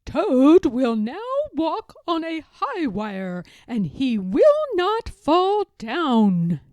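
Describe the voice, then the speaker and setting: A woman voicing a strange, grand announcer from a dream in a storybook, proclaiming loudly in drawn-out showman fashion. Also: sits high, very animated, no echo, full character voice. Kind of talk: children's storybook character voice.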